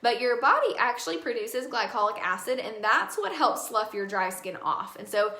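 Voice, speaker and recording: A woman's voice: on the high side, very animated, moderate pace, sharp tone, echoey room. A woman in her twenties chatting casually to viewers on a live skincare demo, upbeat and full of fillers and asides. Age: 20s. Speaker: beauty consultant hosting a live skincare demo. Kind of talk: casual live-stream product talk.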